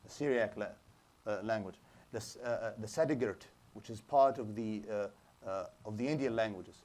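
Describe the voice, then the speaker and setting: An Islamic studies teacher lectures a class in a small room with a projector screen, speaking at a fairly low pitch and moderate pace with a darkish tone. He explains things, poses rhetorical questions to the class, and frequently restarts his sentences.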